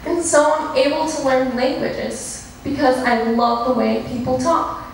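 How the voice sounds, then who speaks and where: Slow high-voiced woman reciting a speech. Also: steady tone, vocal fry, a little hiss or hum. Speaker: student giving a declamation. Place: classroom or school hall. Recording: echoey room, distant mic.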